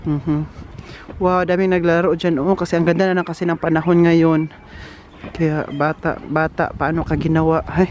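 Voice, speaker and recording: A woman from the Philippines hosting a casual family vlog, chatty and quick to laugh, filming on a handheld phone. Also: lowish voice. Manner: chatty, laughs often, switches languages. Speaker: vlog host. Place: home kitchen and outdoor walk. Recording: roomy sound with loud cooking noise. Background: frying and sizzling.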